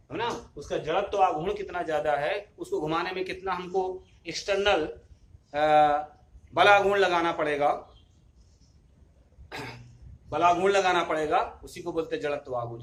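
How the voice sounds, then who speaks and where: Physics teacher, male, high voice, echoey room with faint noise, quizzes the class and answers himself. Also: a bit bright. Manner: asks students questions and answers them himself; addresses students fondly as children. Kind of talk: classroom lecture.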